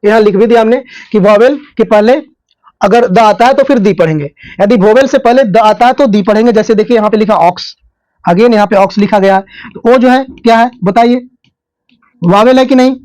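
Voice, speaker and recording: A man with a Hindi accent teaching English grammar in a classroom style. He keeps asking questions and answering them himself, and he says his English example sentences slowly. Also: high-pitched, darkish tone, dry recording, poor audio.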